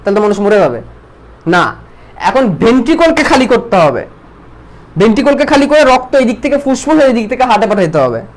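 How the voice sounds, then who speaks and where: A man teaches a biology class online. His voice sits high and his delivery is quick. He fires questions at his students, repeats them several times, and then answers them himself.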